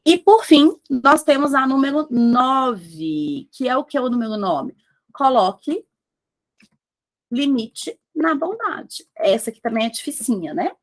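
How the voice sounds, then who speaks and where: Expressive and fairly high-pitched, this woman talks at a normal speed with few pauses. Giving a motivational talk to entrepreneurs, she mentors business owners, speaking emphatically and peppering them with rhetorical questions.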